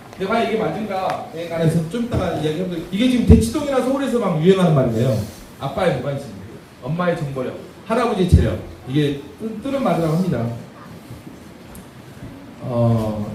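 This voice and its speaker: A man giving a parenting lecture, telling humorous stories and acting out voices. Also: high-pitched. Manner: humorous storytelling with acted voices. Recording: echoey room from far off, faint noise.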